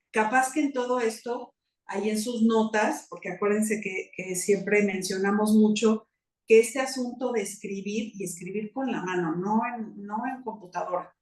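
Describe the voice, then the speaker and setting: A woman's voice: mid-range voice, recorded from a distance. A woman with a Mexican Spanish accent, talking as a guest in easy, rambling conversation. She stacks up asides and keeps checking in with little rhetorical questions. Her voice sits back from the mic in a roomy, echoing space. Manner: chatty, many fillers and asides, rhetorical "¿no?". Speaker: guest biomagnetist. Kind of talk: casual talk-show explanation.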